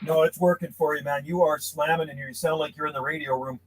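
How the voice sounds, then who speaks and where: A man's voice: on the high side, steady tone, fast, very noisy. A man chatting casually as a CB radio operator and host, talking in a friendly buddy-to-buddy way from a small radio shack. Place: small insulated radio shack outdoors from the house.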